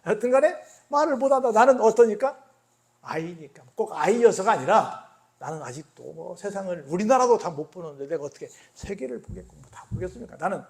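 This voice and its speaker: Male pastor with a high voice, preaching; questions the congregation, swings from loud emphasis to quiet drawn-out words. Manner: asks the congregation questions and answers them himself. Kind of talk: sermon.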